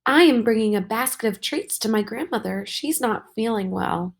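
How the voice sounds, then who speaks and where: A woman voicing a chatty, trusting little girl in a storybook read-aloud, sounding bright and sweet. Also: fairly high pitch, expressive, moderate pace, creaky, breathy edge, pitched above the performer's own voice, full character voice.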